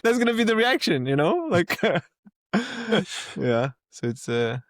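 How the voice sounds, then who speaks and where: A man from Brazil co-hosting a casual tech podcast, easygoing and quick to laugh. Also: high-pitched, sing-song, dry recording, studio quality. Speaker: podcast co-host.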